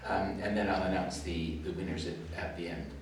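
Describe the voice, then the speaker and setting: With a deep, steady voice and a slightly fast pace, an older man from England, who spent his early life in Canada, adjudicates a competition in a school music hall. His Suffolk English bears Canadian traces, and his spoken feedback is chatty, digressive and self-deprecating. A distant mic in a very echoey hall picks up a little hiss or hum.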